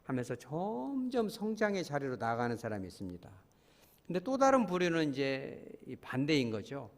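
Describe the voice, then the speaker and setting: A man's voice: a little high, wildly swooping pitch, normal speed, big-room sound. A man preaching a midweek sermon as a pastor, asking the congregation questions and acting out voices he quotes. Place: church.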